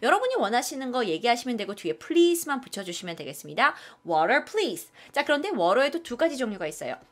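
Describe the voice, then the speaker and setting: A woman teaching English restaurant phrases in a lesson, repeating each phrase slowly for learners. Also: on the high side, big pitch swings. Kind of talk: spoken language lesson.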